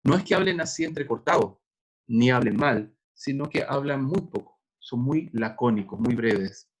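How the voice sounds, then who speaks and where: Middle-aged guy lecturing a class, husky voice, chatty, lots of um and examples. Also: medium pitch, lively intonation, moderate pace. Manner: conversational, explains with worked examples and hesitations. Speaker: university lecturer. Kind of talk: recorded lecture on neuropsychology.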